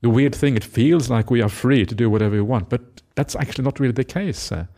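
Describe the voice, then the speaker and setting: Speaking fast in a creaky, medium-pitched voice, a middle-aged monk from Norway delivers a reflective Dhamma talk. He habitually tags his lines with a questioning "eh?", and gentle laughter and hesitant fillers run through his speech.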